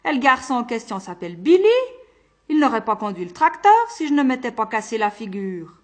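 A woman voicing a tall, bony old farmer who speaks loudly and emphatically. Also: high-pitched, animated, normal speed, voice pushed up. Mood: emphatic. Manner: loud and emphatic. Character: tall bony old country farmer, laconic then lively. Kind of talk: audiobook character voice.

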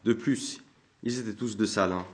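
A man reading a novel aloud in a steady, even narration. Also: lowish voice, moderate pace, a little hiss or hum. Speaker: audiobook narrator. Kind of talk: scripted narration.

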